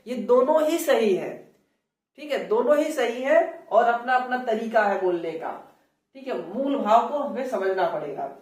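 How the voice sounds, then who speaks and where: A man teaching Hindi in a classroom style. He explains patiently, repeats words, and slowly demonstrates each sound. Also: extremely high pitch. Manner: slow, repetitive demonstration of sounds. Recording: roomy sound from a distant mic.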